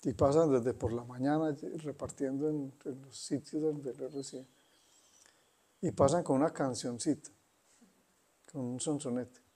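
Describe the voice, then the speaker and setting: A man giving an unhurried spiritual talk, conversational and pausing often. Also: medium pitch, fairly even intonation, mellow, slightly rough. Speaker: spiritual teacher. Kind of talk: satsang talk.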